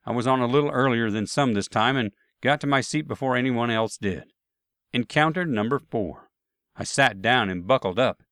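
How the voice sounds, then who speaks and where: A storyteller narrates his own travel misadventures, his wit dry and self-mocking and his pitch ordinary for a man. The sound is slightly bright and smooth, captured up close in a dry, echo-free room.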